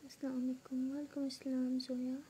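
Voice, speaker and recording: A woman casually chatting on a phone live stream, reading viewer comments aloud in a soft, half-whispered, playful way. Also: high voice, completely flat delivery, a little fast, slight background noise.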